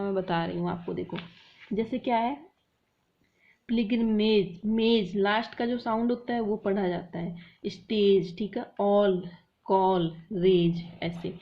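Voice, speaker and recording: A woman teaching an English literature class, calling out rhyme words loudly and slowly, then chiding her students for not sending notes or feedback. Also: mid-range voice, dull audio, slight background noise. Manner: drills words with stretched, emphatic calls; scolding students for not replying. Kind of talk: online class lecture.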